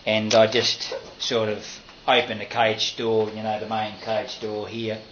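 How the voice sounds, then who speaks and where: A man's voice: lowish voice, monotone, a little slow, a bit bright, a little hiss or hum. Rambling man on lo-fi home video. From Australia. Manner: rambling, many fillers and restarts. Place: outdoors at a house. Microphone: handheld camera mic.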